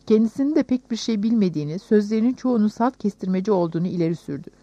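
A woman narrating a novel in the first person with calm, measured storytelling, on a dull recording. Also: medium pitch, no echo. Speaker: audiobook narrator.

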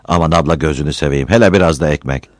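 A man voicing a hungry, simple-minded village man who talks loudly, pleading and coarse. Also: a bass voice, fast talker, no room sound, clean studio sound. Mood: wheedling. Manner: loud, shouting and wheedling.

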